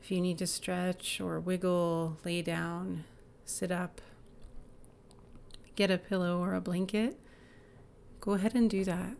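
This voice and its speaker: Slow, gravelly-voiced woman guiding meditation. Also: lowish voice, a little hiss or hum. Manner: calm, gentle, inviting, drifts into soft whispers. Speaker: guided exercise instructor. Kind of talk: slow guided body-awareness meditation.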